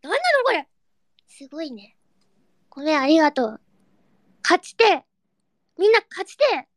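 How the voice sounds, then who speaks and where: A young woman hosting a casual live audio chat, reading listener comments in a cutesy, excitable way and breaking into squeals and giggles. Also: sits high, normal speed, no room sound, clean studio sound. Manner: cutesy, baby-talk endings.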